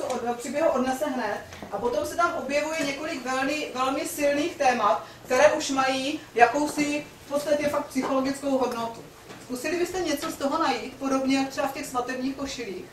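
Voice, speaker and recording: A woman lecturer who narrates a story and then questions her listeners, with a slightly high voice. She is picked up from a distance in a reverberant lecture hall. Faint room ambience sits behind her. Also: a little hiss or hum. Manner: reads dramatically, then asks the audience questions.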